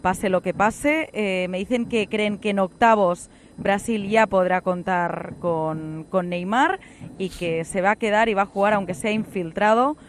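A woman field reporter passing on inside news in a brisk, informative way. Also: mid-range voice, a little hiss or hum.

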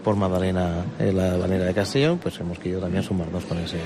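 Low-voiced Spanish man over street noise. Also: fast. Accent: Spanish, from Spain. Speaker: club spokesman and interview guest. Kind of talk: live radio interview answers. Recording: noisy outdoor urban setting with traffic. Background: street and vehicle noise.

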